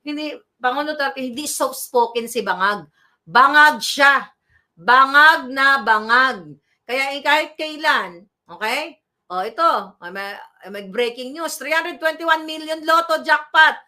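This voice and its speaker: A woman giving animated, scolding political commentary, mixing in English phrases and asking her viewers for agreement. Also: high voice, unhurried. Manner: animated, scolding, mixes Tagalog with English, asks "di ba?" often.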